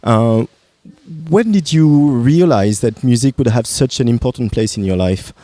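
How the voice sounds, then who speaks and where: A man with a French accent asking interview questions on the radio, hesitant with many pauses. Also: medium pitch, lively intonation, mellow, dry recording. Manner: hesitant, many "uh" and frequent laughs.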